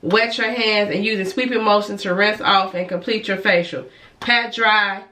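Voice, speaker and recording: In an echoey room with the mic set at a distance, a beauty vlogger who is a licensed cosmetologist chats casually through a skincare review and demonstration, rambling and self-correcting, a little stuffed up from a cold. Her medium-pitched voice is bright and forceful, steady in tone, at a moderate pace.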